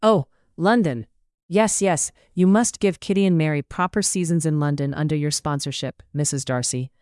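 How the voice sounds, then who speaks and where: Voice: mid-range voice, steady tone, normal speed, dry recording, studio quality, close to an everyday voice. A narrator voicing a fussy, emotional middle-aged mother who gushes and coos. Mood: gushing. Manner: gushing, cooing.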